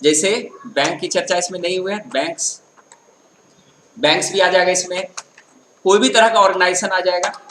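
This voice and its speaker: High, bright-voiced male accounting teacher. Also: steady tone. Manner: explanatory, keeps checking understanding with tag questions; reads English definitions slowly, then explains them. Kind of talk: classroom lecture. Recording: echoey room with faint noise.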